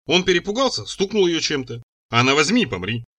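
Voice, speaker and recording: A man voicing a calm, gloomy male servant who talks in a matter-of-fact way, in an audiobook reading. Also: a little high, fast, slightly rough, full character voice.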